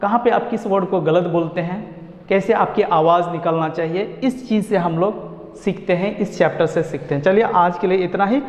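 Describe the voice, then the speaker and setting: A man teaching an online English pronunciation lesson, explaining slowly and repeating each point step by step. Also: sits high. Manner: slow and repetitive, explaining step by step. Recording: echoey room, dull lo-fi sound.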